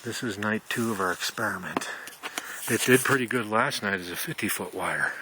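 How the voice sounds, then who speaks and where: An amateur radio hobbyist with a low voice talks at normal speed through a casual handheld video tour outside in wooded mountains. His explanation is folksy and rambling, and the camera microphone's audio is noisy.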